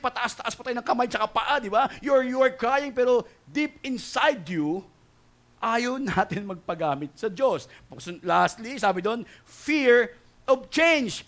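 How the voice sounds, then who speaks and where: A male pastor preaching a sermon, mixing Tagalog with English and often asking the congregation "right?" as he swings between loud and soft delivery. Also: very high voice. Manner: mixes Tagalog and English, keeps asking the crowd "di ba?" and "tama?".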